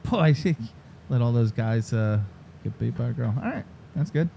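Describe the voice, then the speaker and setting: A man's voice: medium pitch, lively intonation, normal speed, creaky, warm tone, slight background noise. A man hosting a casual fishing talk show, joking and teasing, laughing often. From Florida. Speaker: podcast host. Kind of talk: casual radio chat.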